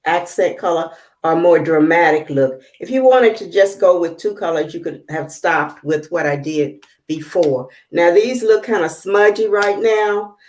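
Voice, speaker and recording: A woman hosting a live makeup tutorial over a video call, talking in a halting way with many fillers while she works and checking that viewers can see. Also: deep voice, darkish tone. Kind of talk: casual live demonstration.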